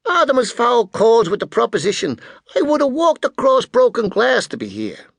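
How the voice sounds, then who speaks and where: A loud, brash middle-aged tycoon with a high, brassy voice, as an audiobook narrator puts him on. He talks big and effusive, pushing every line. The recording is dry and close. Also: wildly swooping pitch, normal speed, vocal fry, no echo, full character voice.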